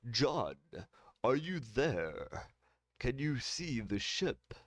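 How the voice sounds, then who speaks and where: A man voicing a robed male counselor who talks slowly and sounds bewildered. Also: medium pitch, very animated, fairly bright tone, dry recording, studio quality, pitched above the performer's own voice, heavily acted. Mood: commanding. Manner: slow, drawn-out and puzzled.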